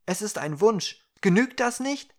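A man voicing a small, stubborn male dwarf with a high, shrill, defiant voice in a storybook reading. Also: animated, unhurried, darkish tone. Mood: cunning.

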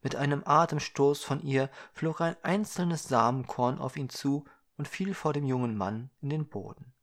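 A man calmly narrating a fairy tale in an even storytelling manner. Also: mid-range voice.

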